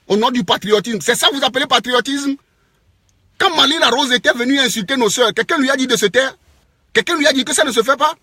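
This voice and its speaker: Togolese man, high and bright, husky edge, insistent lecturing vlog rant. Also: no room sound, studio quality. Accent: Togolese French. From Togo. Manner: lecturing, repeats phrases, tags "quoi". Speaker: social media commentator. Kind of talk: impassioned Facebook video rant.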